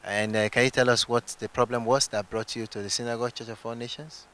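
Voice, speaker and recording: A man's voice: medium pitch, level tone, fast talker, a bit bright, smooth. A man interviewing people on a church stage, asking formal, prompting questions.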